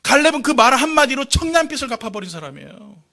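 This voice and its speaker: Male pastor, bright voice, lively joking sermon, keeps calling out to the congregation. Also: extremely high pitch, fast talker. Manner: lively, jokey preaching that calls out to the congregation. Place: church sanctuary.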